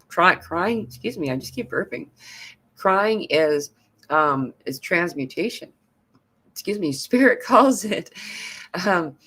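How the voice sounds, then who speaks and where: A live-stream host in casual chat, greeting viewers and reading comments aloud with lots of fillers and lively swings in pitch. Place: New York City.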